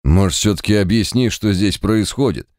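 A man's voice: on the low side, normal speed, a little mellow, no room sound, studio quality, voice pushed up, lightly acted. A man voicing a puzzled, impatient male gamer in an audiobook. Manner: impatient, questioning.

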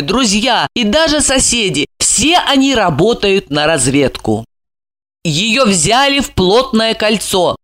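A woman narrating an audiobook in an expressive storytelling manner. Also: medium pitch.

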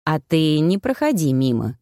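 A woman voicing a calm male werewolf. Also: deep voice, dry recording, studio quality. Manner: calm, gently teasing, unhurried. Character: calm male werewolf lover, teasing, protective.

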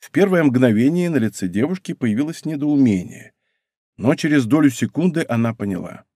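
A man reading a story aloud as narrator, with an expressive reading style. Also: medium pitch, a little fast, no echo, studio quality. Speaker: audiobook narrator. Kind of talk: scripted narration.

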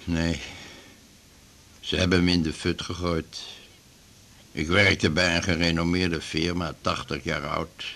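In a naturalistic radio drama, an actor plays an aggrieved, garrulous retired glue salesman in his fifties, a patient in a doctor's office who rambles and grumbles in a rueful mood. His exaggerated voice is deep, gravelly, pushed and bright, with little pitch movement, a slow pace, and long pauses.

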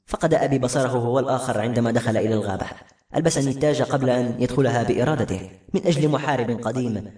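A wise blind queen speaks calmly and with quiet dignity, voiced by a male storyteller. The delivery is quick and the room adds a noticeable echo. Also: medium pitch, recorded from a distance, natural voice. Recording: echoey room.

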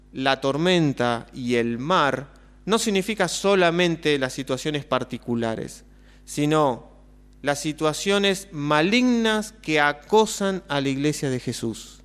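A man with a Rioplatense accent preaching a sermon as pastor, measured and full of rhetorical questions. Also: on the high side, clear, resonant tone. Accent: Rioplatense Spanish.

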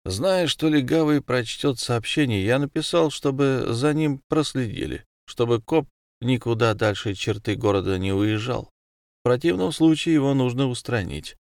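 A man's voice: medium pitch, expressive, moderate pace, no echo, studio quality, lightly acted. A man voicing a cold, calculating prison gang boss who speaks in terse commands. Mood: commanding.

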